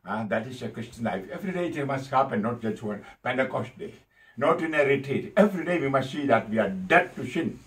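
A man preaching a sermon as a priest, emphatic and animated, with many fillers. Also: mid-range voice, fairly quick, far from the mic, poor audio.

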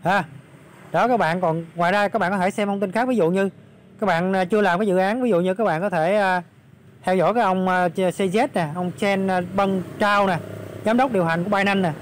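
A slightly hoarse man, talking viewers through updates in a casual, filler-heavy vlog. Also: high voice, fairly even intonation, fairly quick, a little hiss or hum. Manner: chatty, many fillers, addresses viewers directly. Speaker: crypto channel host. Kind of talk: casual screen walkthrough vlog.

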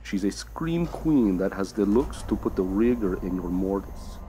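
A man's voice: on the low side, animated, moderate pace, mellow, natural voice. A man voicing a campy Dracula who hosts a dating game show in a comedy animation, flirty, teasing and full of puns. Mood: showy, teasing. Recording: noisy, with crowd sounds behind.

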